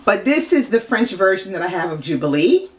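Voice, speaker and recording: A woman's voice: mid-range voice, very animated, brisk. A woman book vlogger talking casually to the camera at home, chatty, with many asides and fillers.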